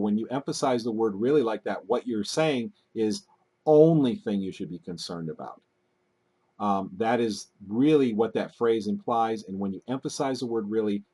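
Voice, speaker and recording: A man commenting on video clips in a deliberate, analytical way, with frequent fillers. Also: on the low side, darkish tone, husky. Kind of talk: casual commentary.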